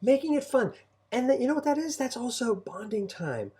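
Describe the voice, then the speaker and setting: Speaking a little fast, this middle-aged co-host has an extremely high-pitched voice with big pitch swings and a dark tone. As a homeschooling parent, he offers casual, reflective and encouraging advice.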